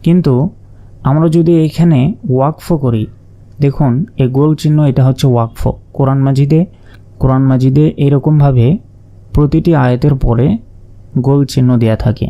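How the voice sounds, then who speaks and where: A man teaching Quran reading step by step, spelling out letters and drawing out the demonstration words in long, slow sounds. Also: medium pitch, warm tone, highs cut off.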